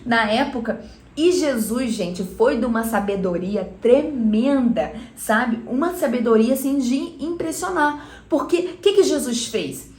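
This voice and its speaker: A woman's voice: a little high, expressive, measured pace, a little mellow. A woman with a Brazilian Portuguese accent gives a conversational Bible lesson, explaining earnestly and speaking straight to her viewers. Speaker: Bible teacher. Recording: roomy echo.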